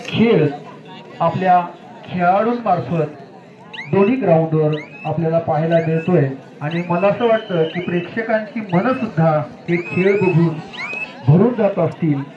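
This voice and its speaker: A man making formal announcements at a kabaddi tournament, heard through an outdoor loudspeaker. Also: high voice. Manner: formal, drawn-out calling of team names. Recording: echoey muffled loudspeaker with loud crowd.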